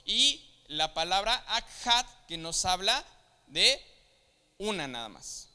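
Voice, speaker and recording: A male preacher teaching from the Bible, his voice high, bright and smooth. He talks slowly and explains each point patiently. His words ring out with a long reverb, as in a church hall. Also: sing-song. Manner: explains step by step, checks with listeners.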